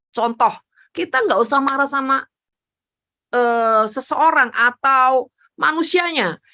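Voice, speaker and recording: Woman preacher, bright higher voice, punchy animated sermon, acts out prayers. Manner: emphatic, animated preaching with acted prayers to God. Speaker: evangelist preacher.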